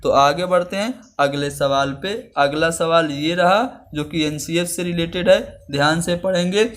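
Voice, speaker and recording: Man, teacher, slightly high voice, patient step-by-step explaining. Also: a bit bright. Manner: explains each term again in simple words, slows down for example sentences. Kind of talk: exam-prep lesson.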